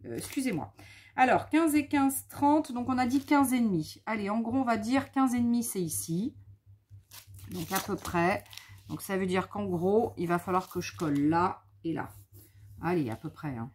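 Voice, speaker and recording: A woman's voice: mid-range voice, expressive, normal speed, darkish tone, husky. A tired woman hosting a scrapbooking video, thinking aloud and teasing herself playfully as she works. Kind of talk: casual craft demonstration.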